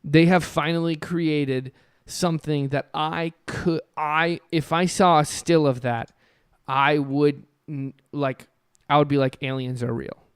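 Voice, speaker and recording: A young man in casual podcast chat, talking in a smooth, clear voice that sits a touch high for a man. He rambles with excitement and reaches often for fillers. The sound is dry and close. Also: slow pace, dry recording. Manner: rambling, enthusiastic, many fillers. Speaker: podcast co-host.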